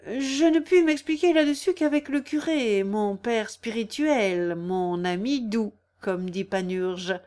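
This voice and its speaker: A woman's voice: a little high, takes it slowly, hardly any pauses, a little mellow. A woman reading an audiobook, voicing a witty young libertine with a teasing, ironic manner.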